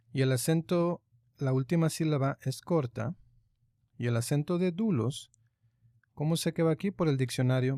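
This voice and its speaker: A man with a low, gravelly voice walks through grammar rules in a patient online lesson, pausing often with small fillers. His tone is dark and mellow, and the sound is close and dry. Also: dry recording. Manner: patient, explains step by step with frequent fillers. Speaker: teacher. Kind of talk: online lesson on Greek accents.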